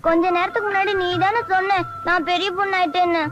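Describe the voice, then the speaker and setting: A young actress playing a sharp-tongued village girl who trades insults, in a film comedy scene. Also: very high voice, steady tone, quick pace. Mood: feisty. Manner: retorts with insults. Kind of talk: Tamil film comedy acting.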